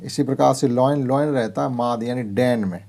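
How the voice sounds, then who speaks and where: Gravelly, dark-voiced teacher. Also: male voice, medium pitch. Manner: explains English words in Hindi, slow deliberate reading of English sentences. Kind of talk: workbook lesson explanation.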